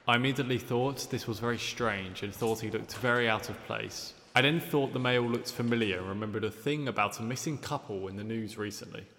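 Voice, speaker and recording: An actor calmly reading out a witness statement in a formal, measured way. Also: male voice, fairly low pitch, in a large hall. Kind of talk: measured read-aloud statement.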